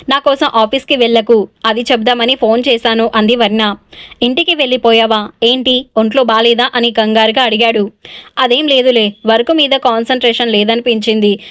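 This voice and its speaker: A woman with a Telugu accent narrates a romance story in a fairly high voice. She reads every character's lines in her own voice rather than changing it for each role. The recording is close to the mic and dry. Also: dry recording.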